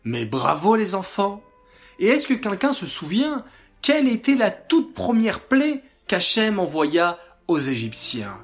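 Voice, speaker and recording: A man's voice: sits high, wildly swooping pitch, unhurried, pitched above the performer's own voice, full character voice. A man voicing a kind, cheerful schoolteacher in a children's story, in an encouraging tone. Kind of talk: storybook character voice.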